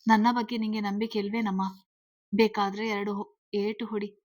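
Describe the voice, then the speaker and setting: A woman's voice: medium pitch, little pitch movement, normal speed, a little mellow, dry recording, lightly acted. A woman voicing a young bride who begs her mother for forgiveness in a pleading, apologetic way. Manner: begging, apologetic.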